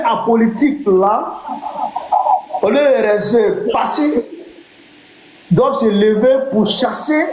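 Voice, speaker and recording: Emphatic man, high voice, roomy echo. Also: darkish tone. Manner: deliberate, emphatic restating. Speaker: host. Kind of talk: political discussion. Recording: roomy echo, faint ambient noise.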